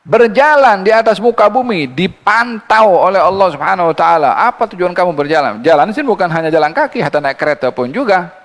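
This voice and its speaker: Male religious teacher, gravelly, lecturing under long reverb. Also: high voice. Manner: recites Arabic verses slowly, then explains in a lively teaching voice. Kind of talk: Quran commentary lecture.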